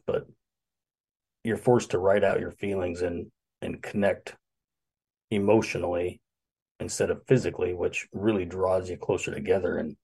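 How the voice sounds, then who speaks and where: A man in his forties chats as a guest on a podcast, relaxed and musing, hesitating now and then. His voice is very deep and gravelly, with a husky, dark tone. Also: low-quality recording. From Alaska. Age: 40s. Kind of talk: casual conversation.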